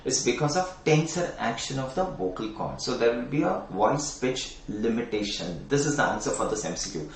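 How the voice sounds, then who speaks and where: A man's voice: medium pitch, expressive, moderate pace, hardly any pauses, slight background noise. A middle-aged man with an Indian English accent teaching anatomy in an online lecture, quizzing students and repeating key terms. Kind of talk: online exam-prep lecture. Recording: echoey room, mic at a distance.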